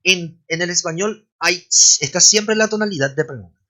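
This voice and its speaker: Man, bright voice, patient teacher, slow repeated examples. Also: high voice. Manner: explains patiently, repeats example phrases slowly. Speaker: English teacher. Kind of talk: online lesson explanation.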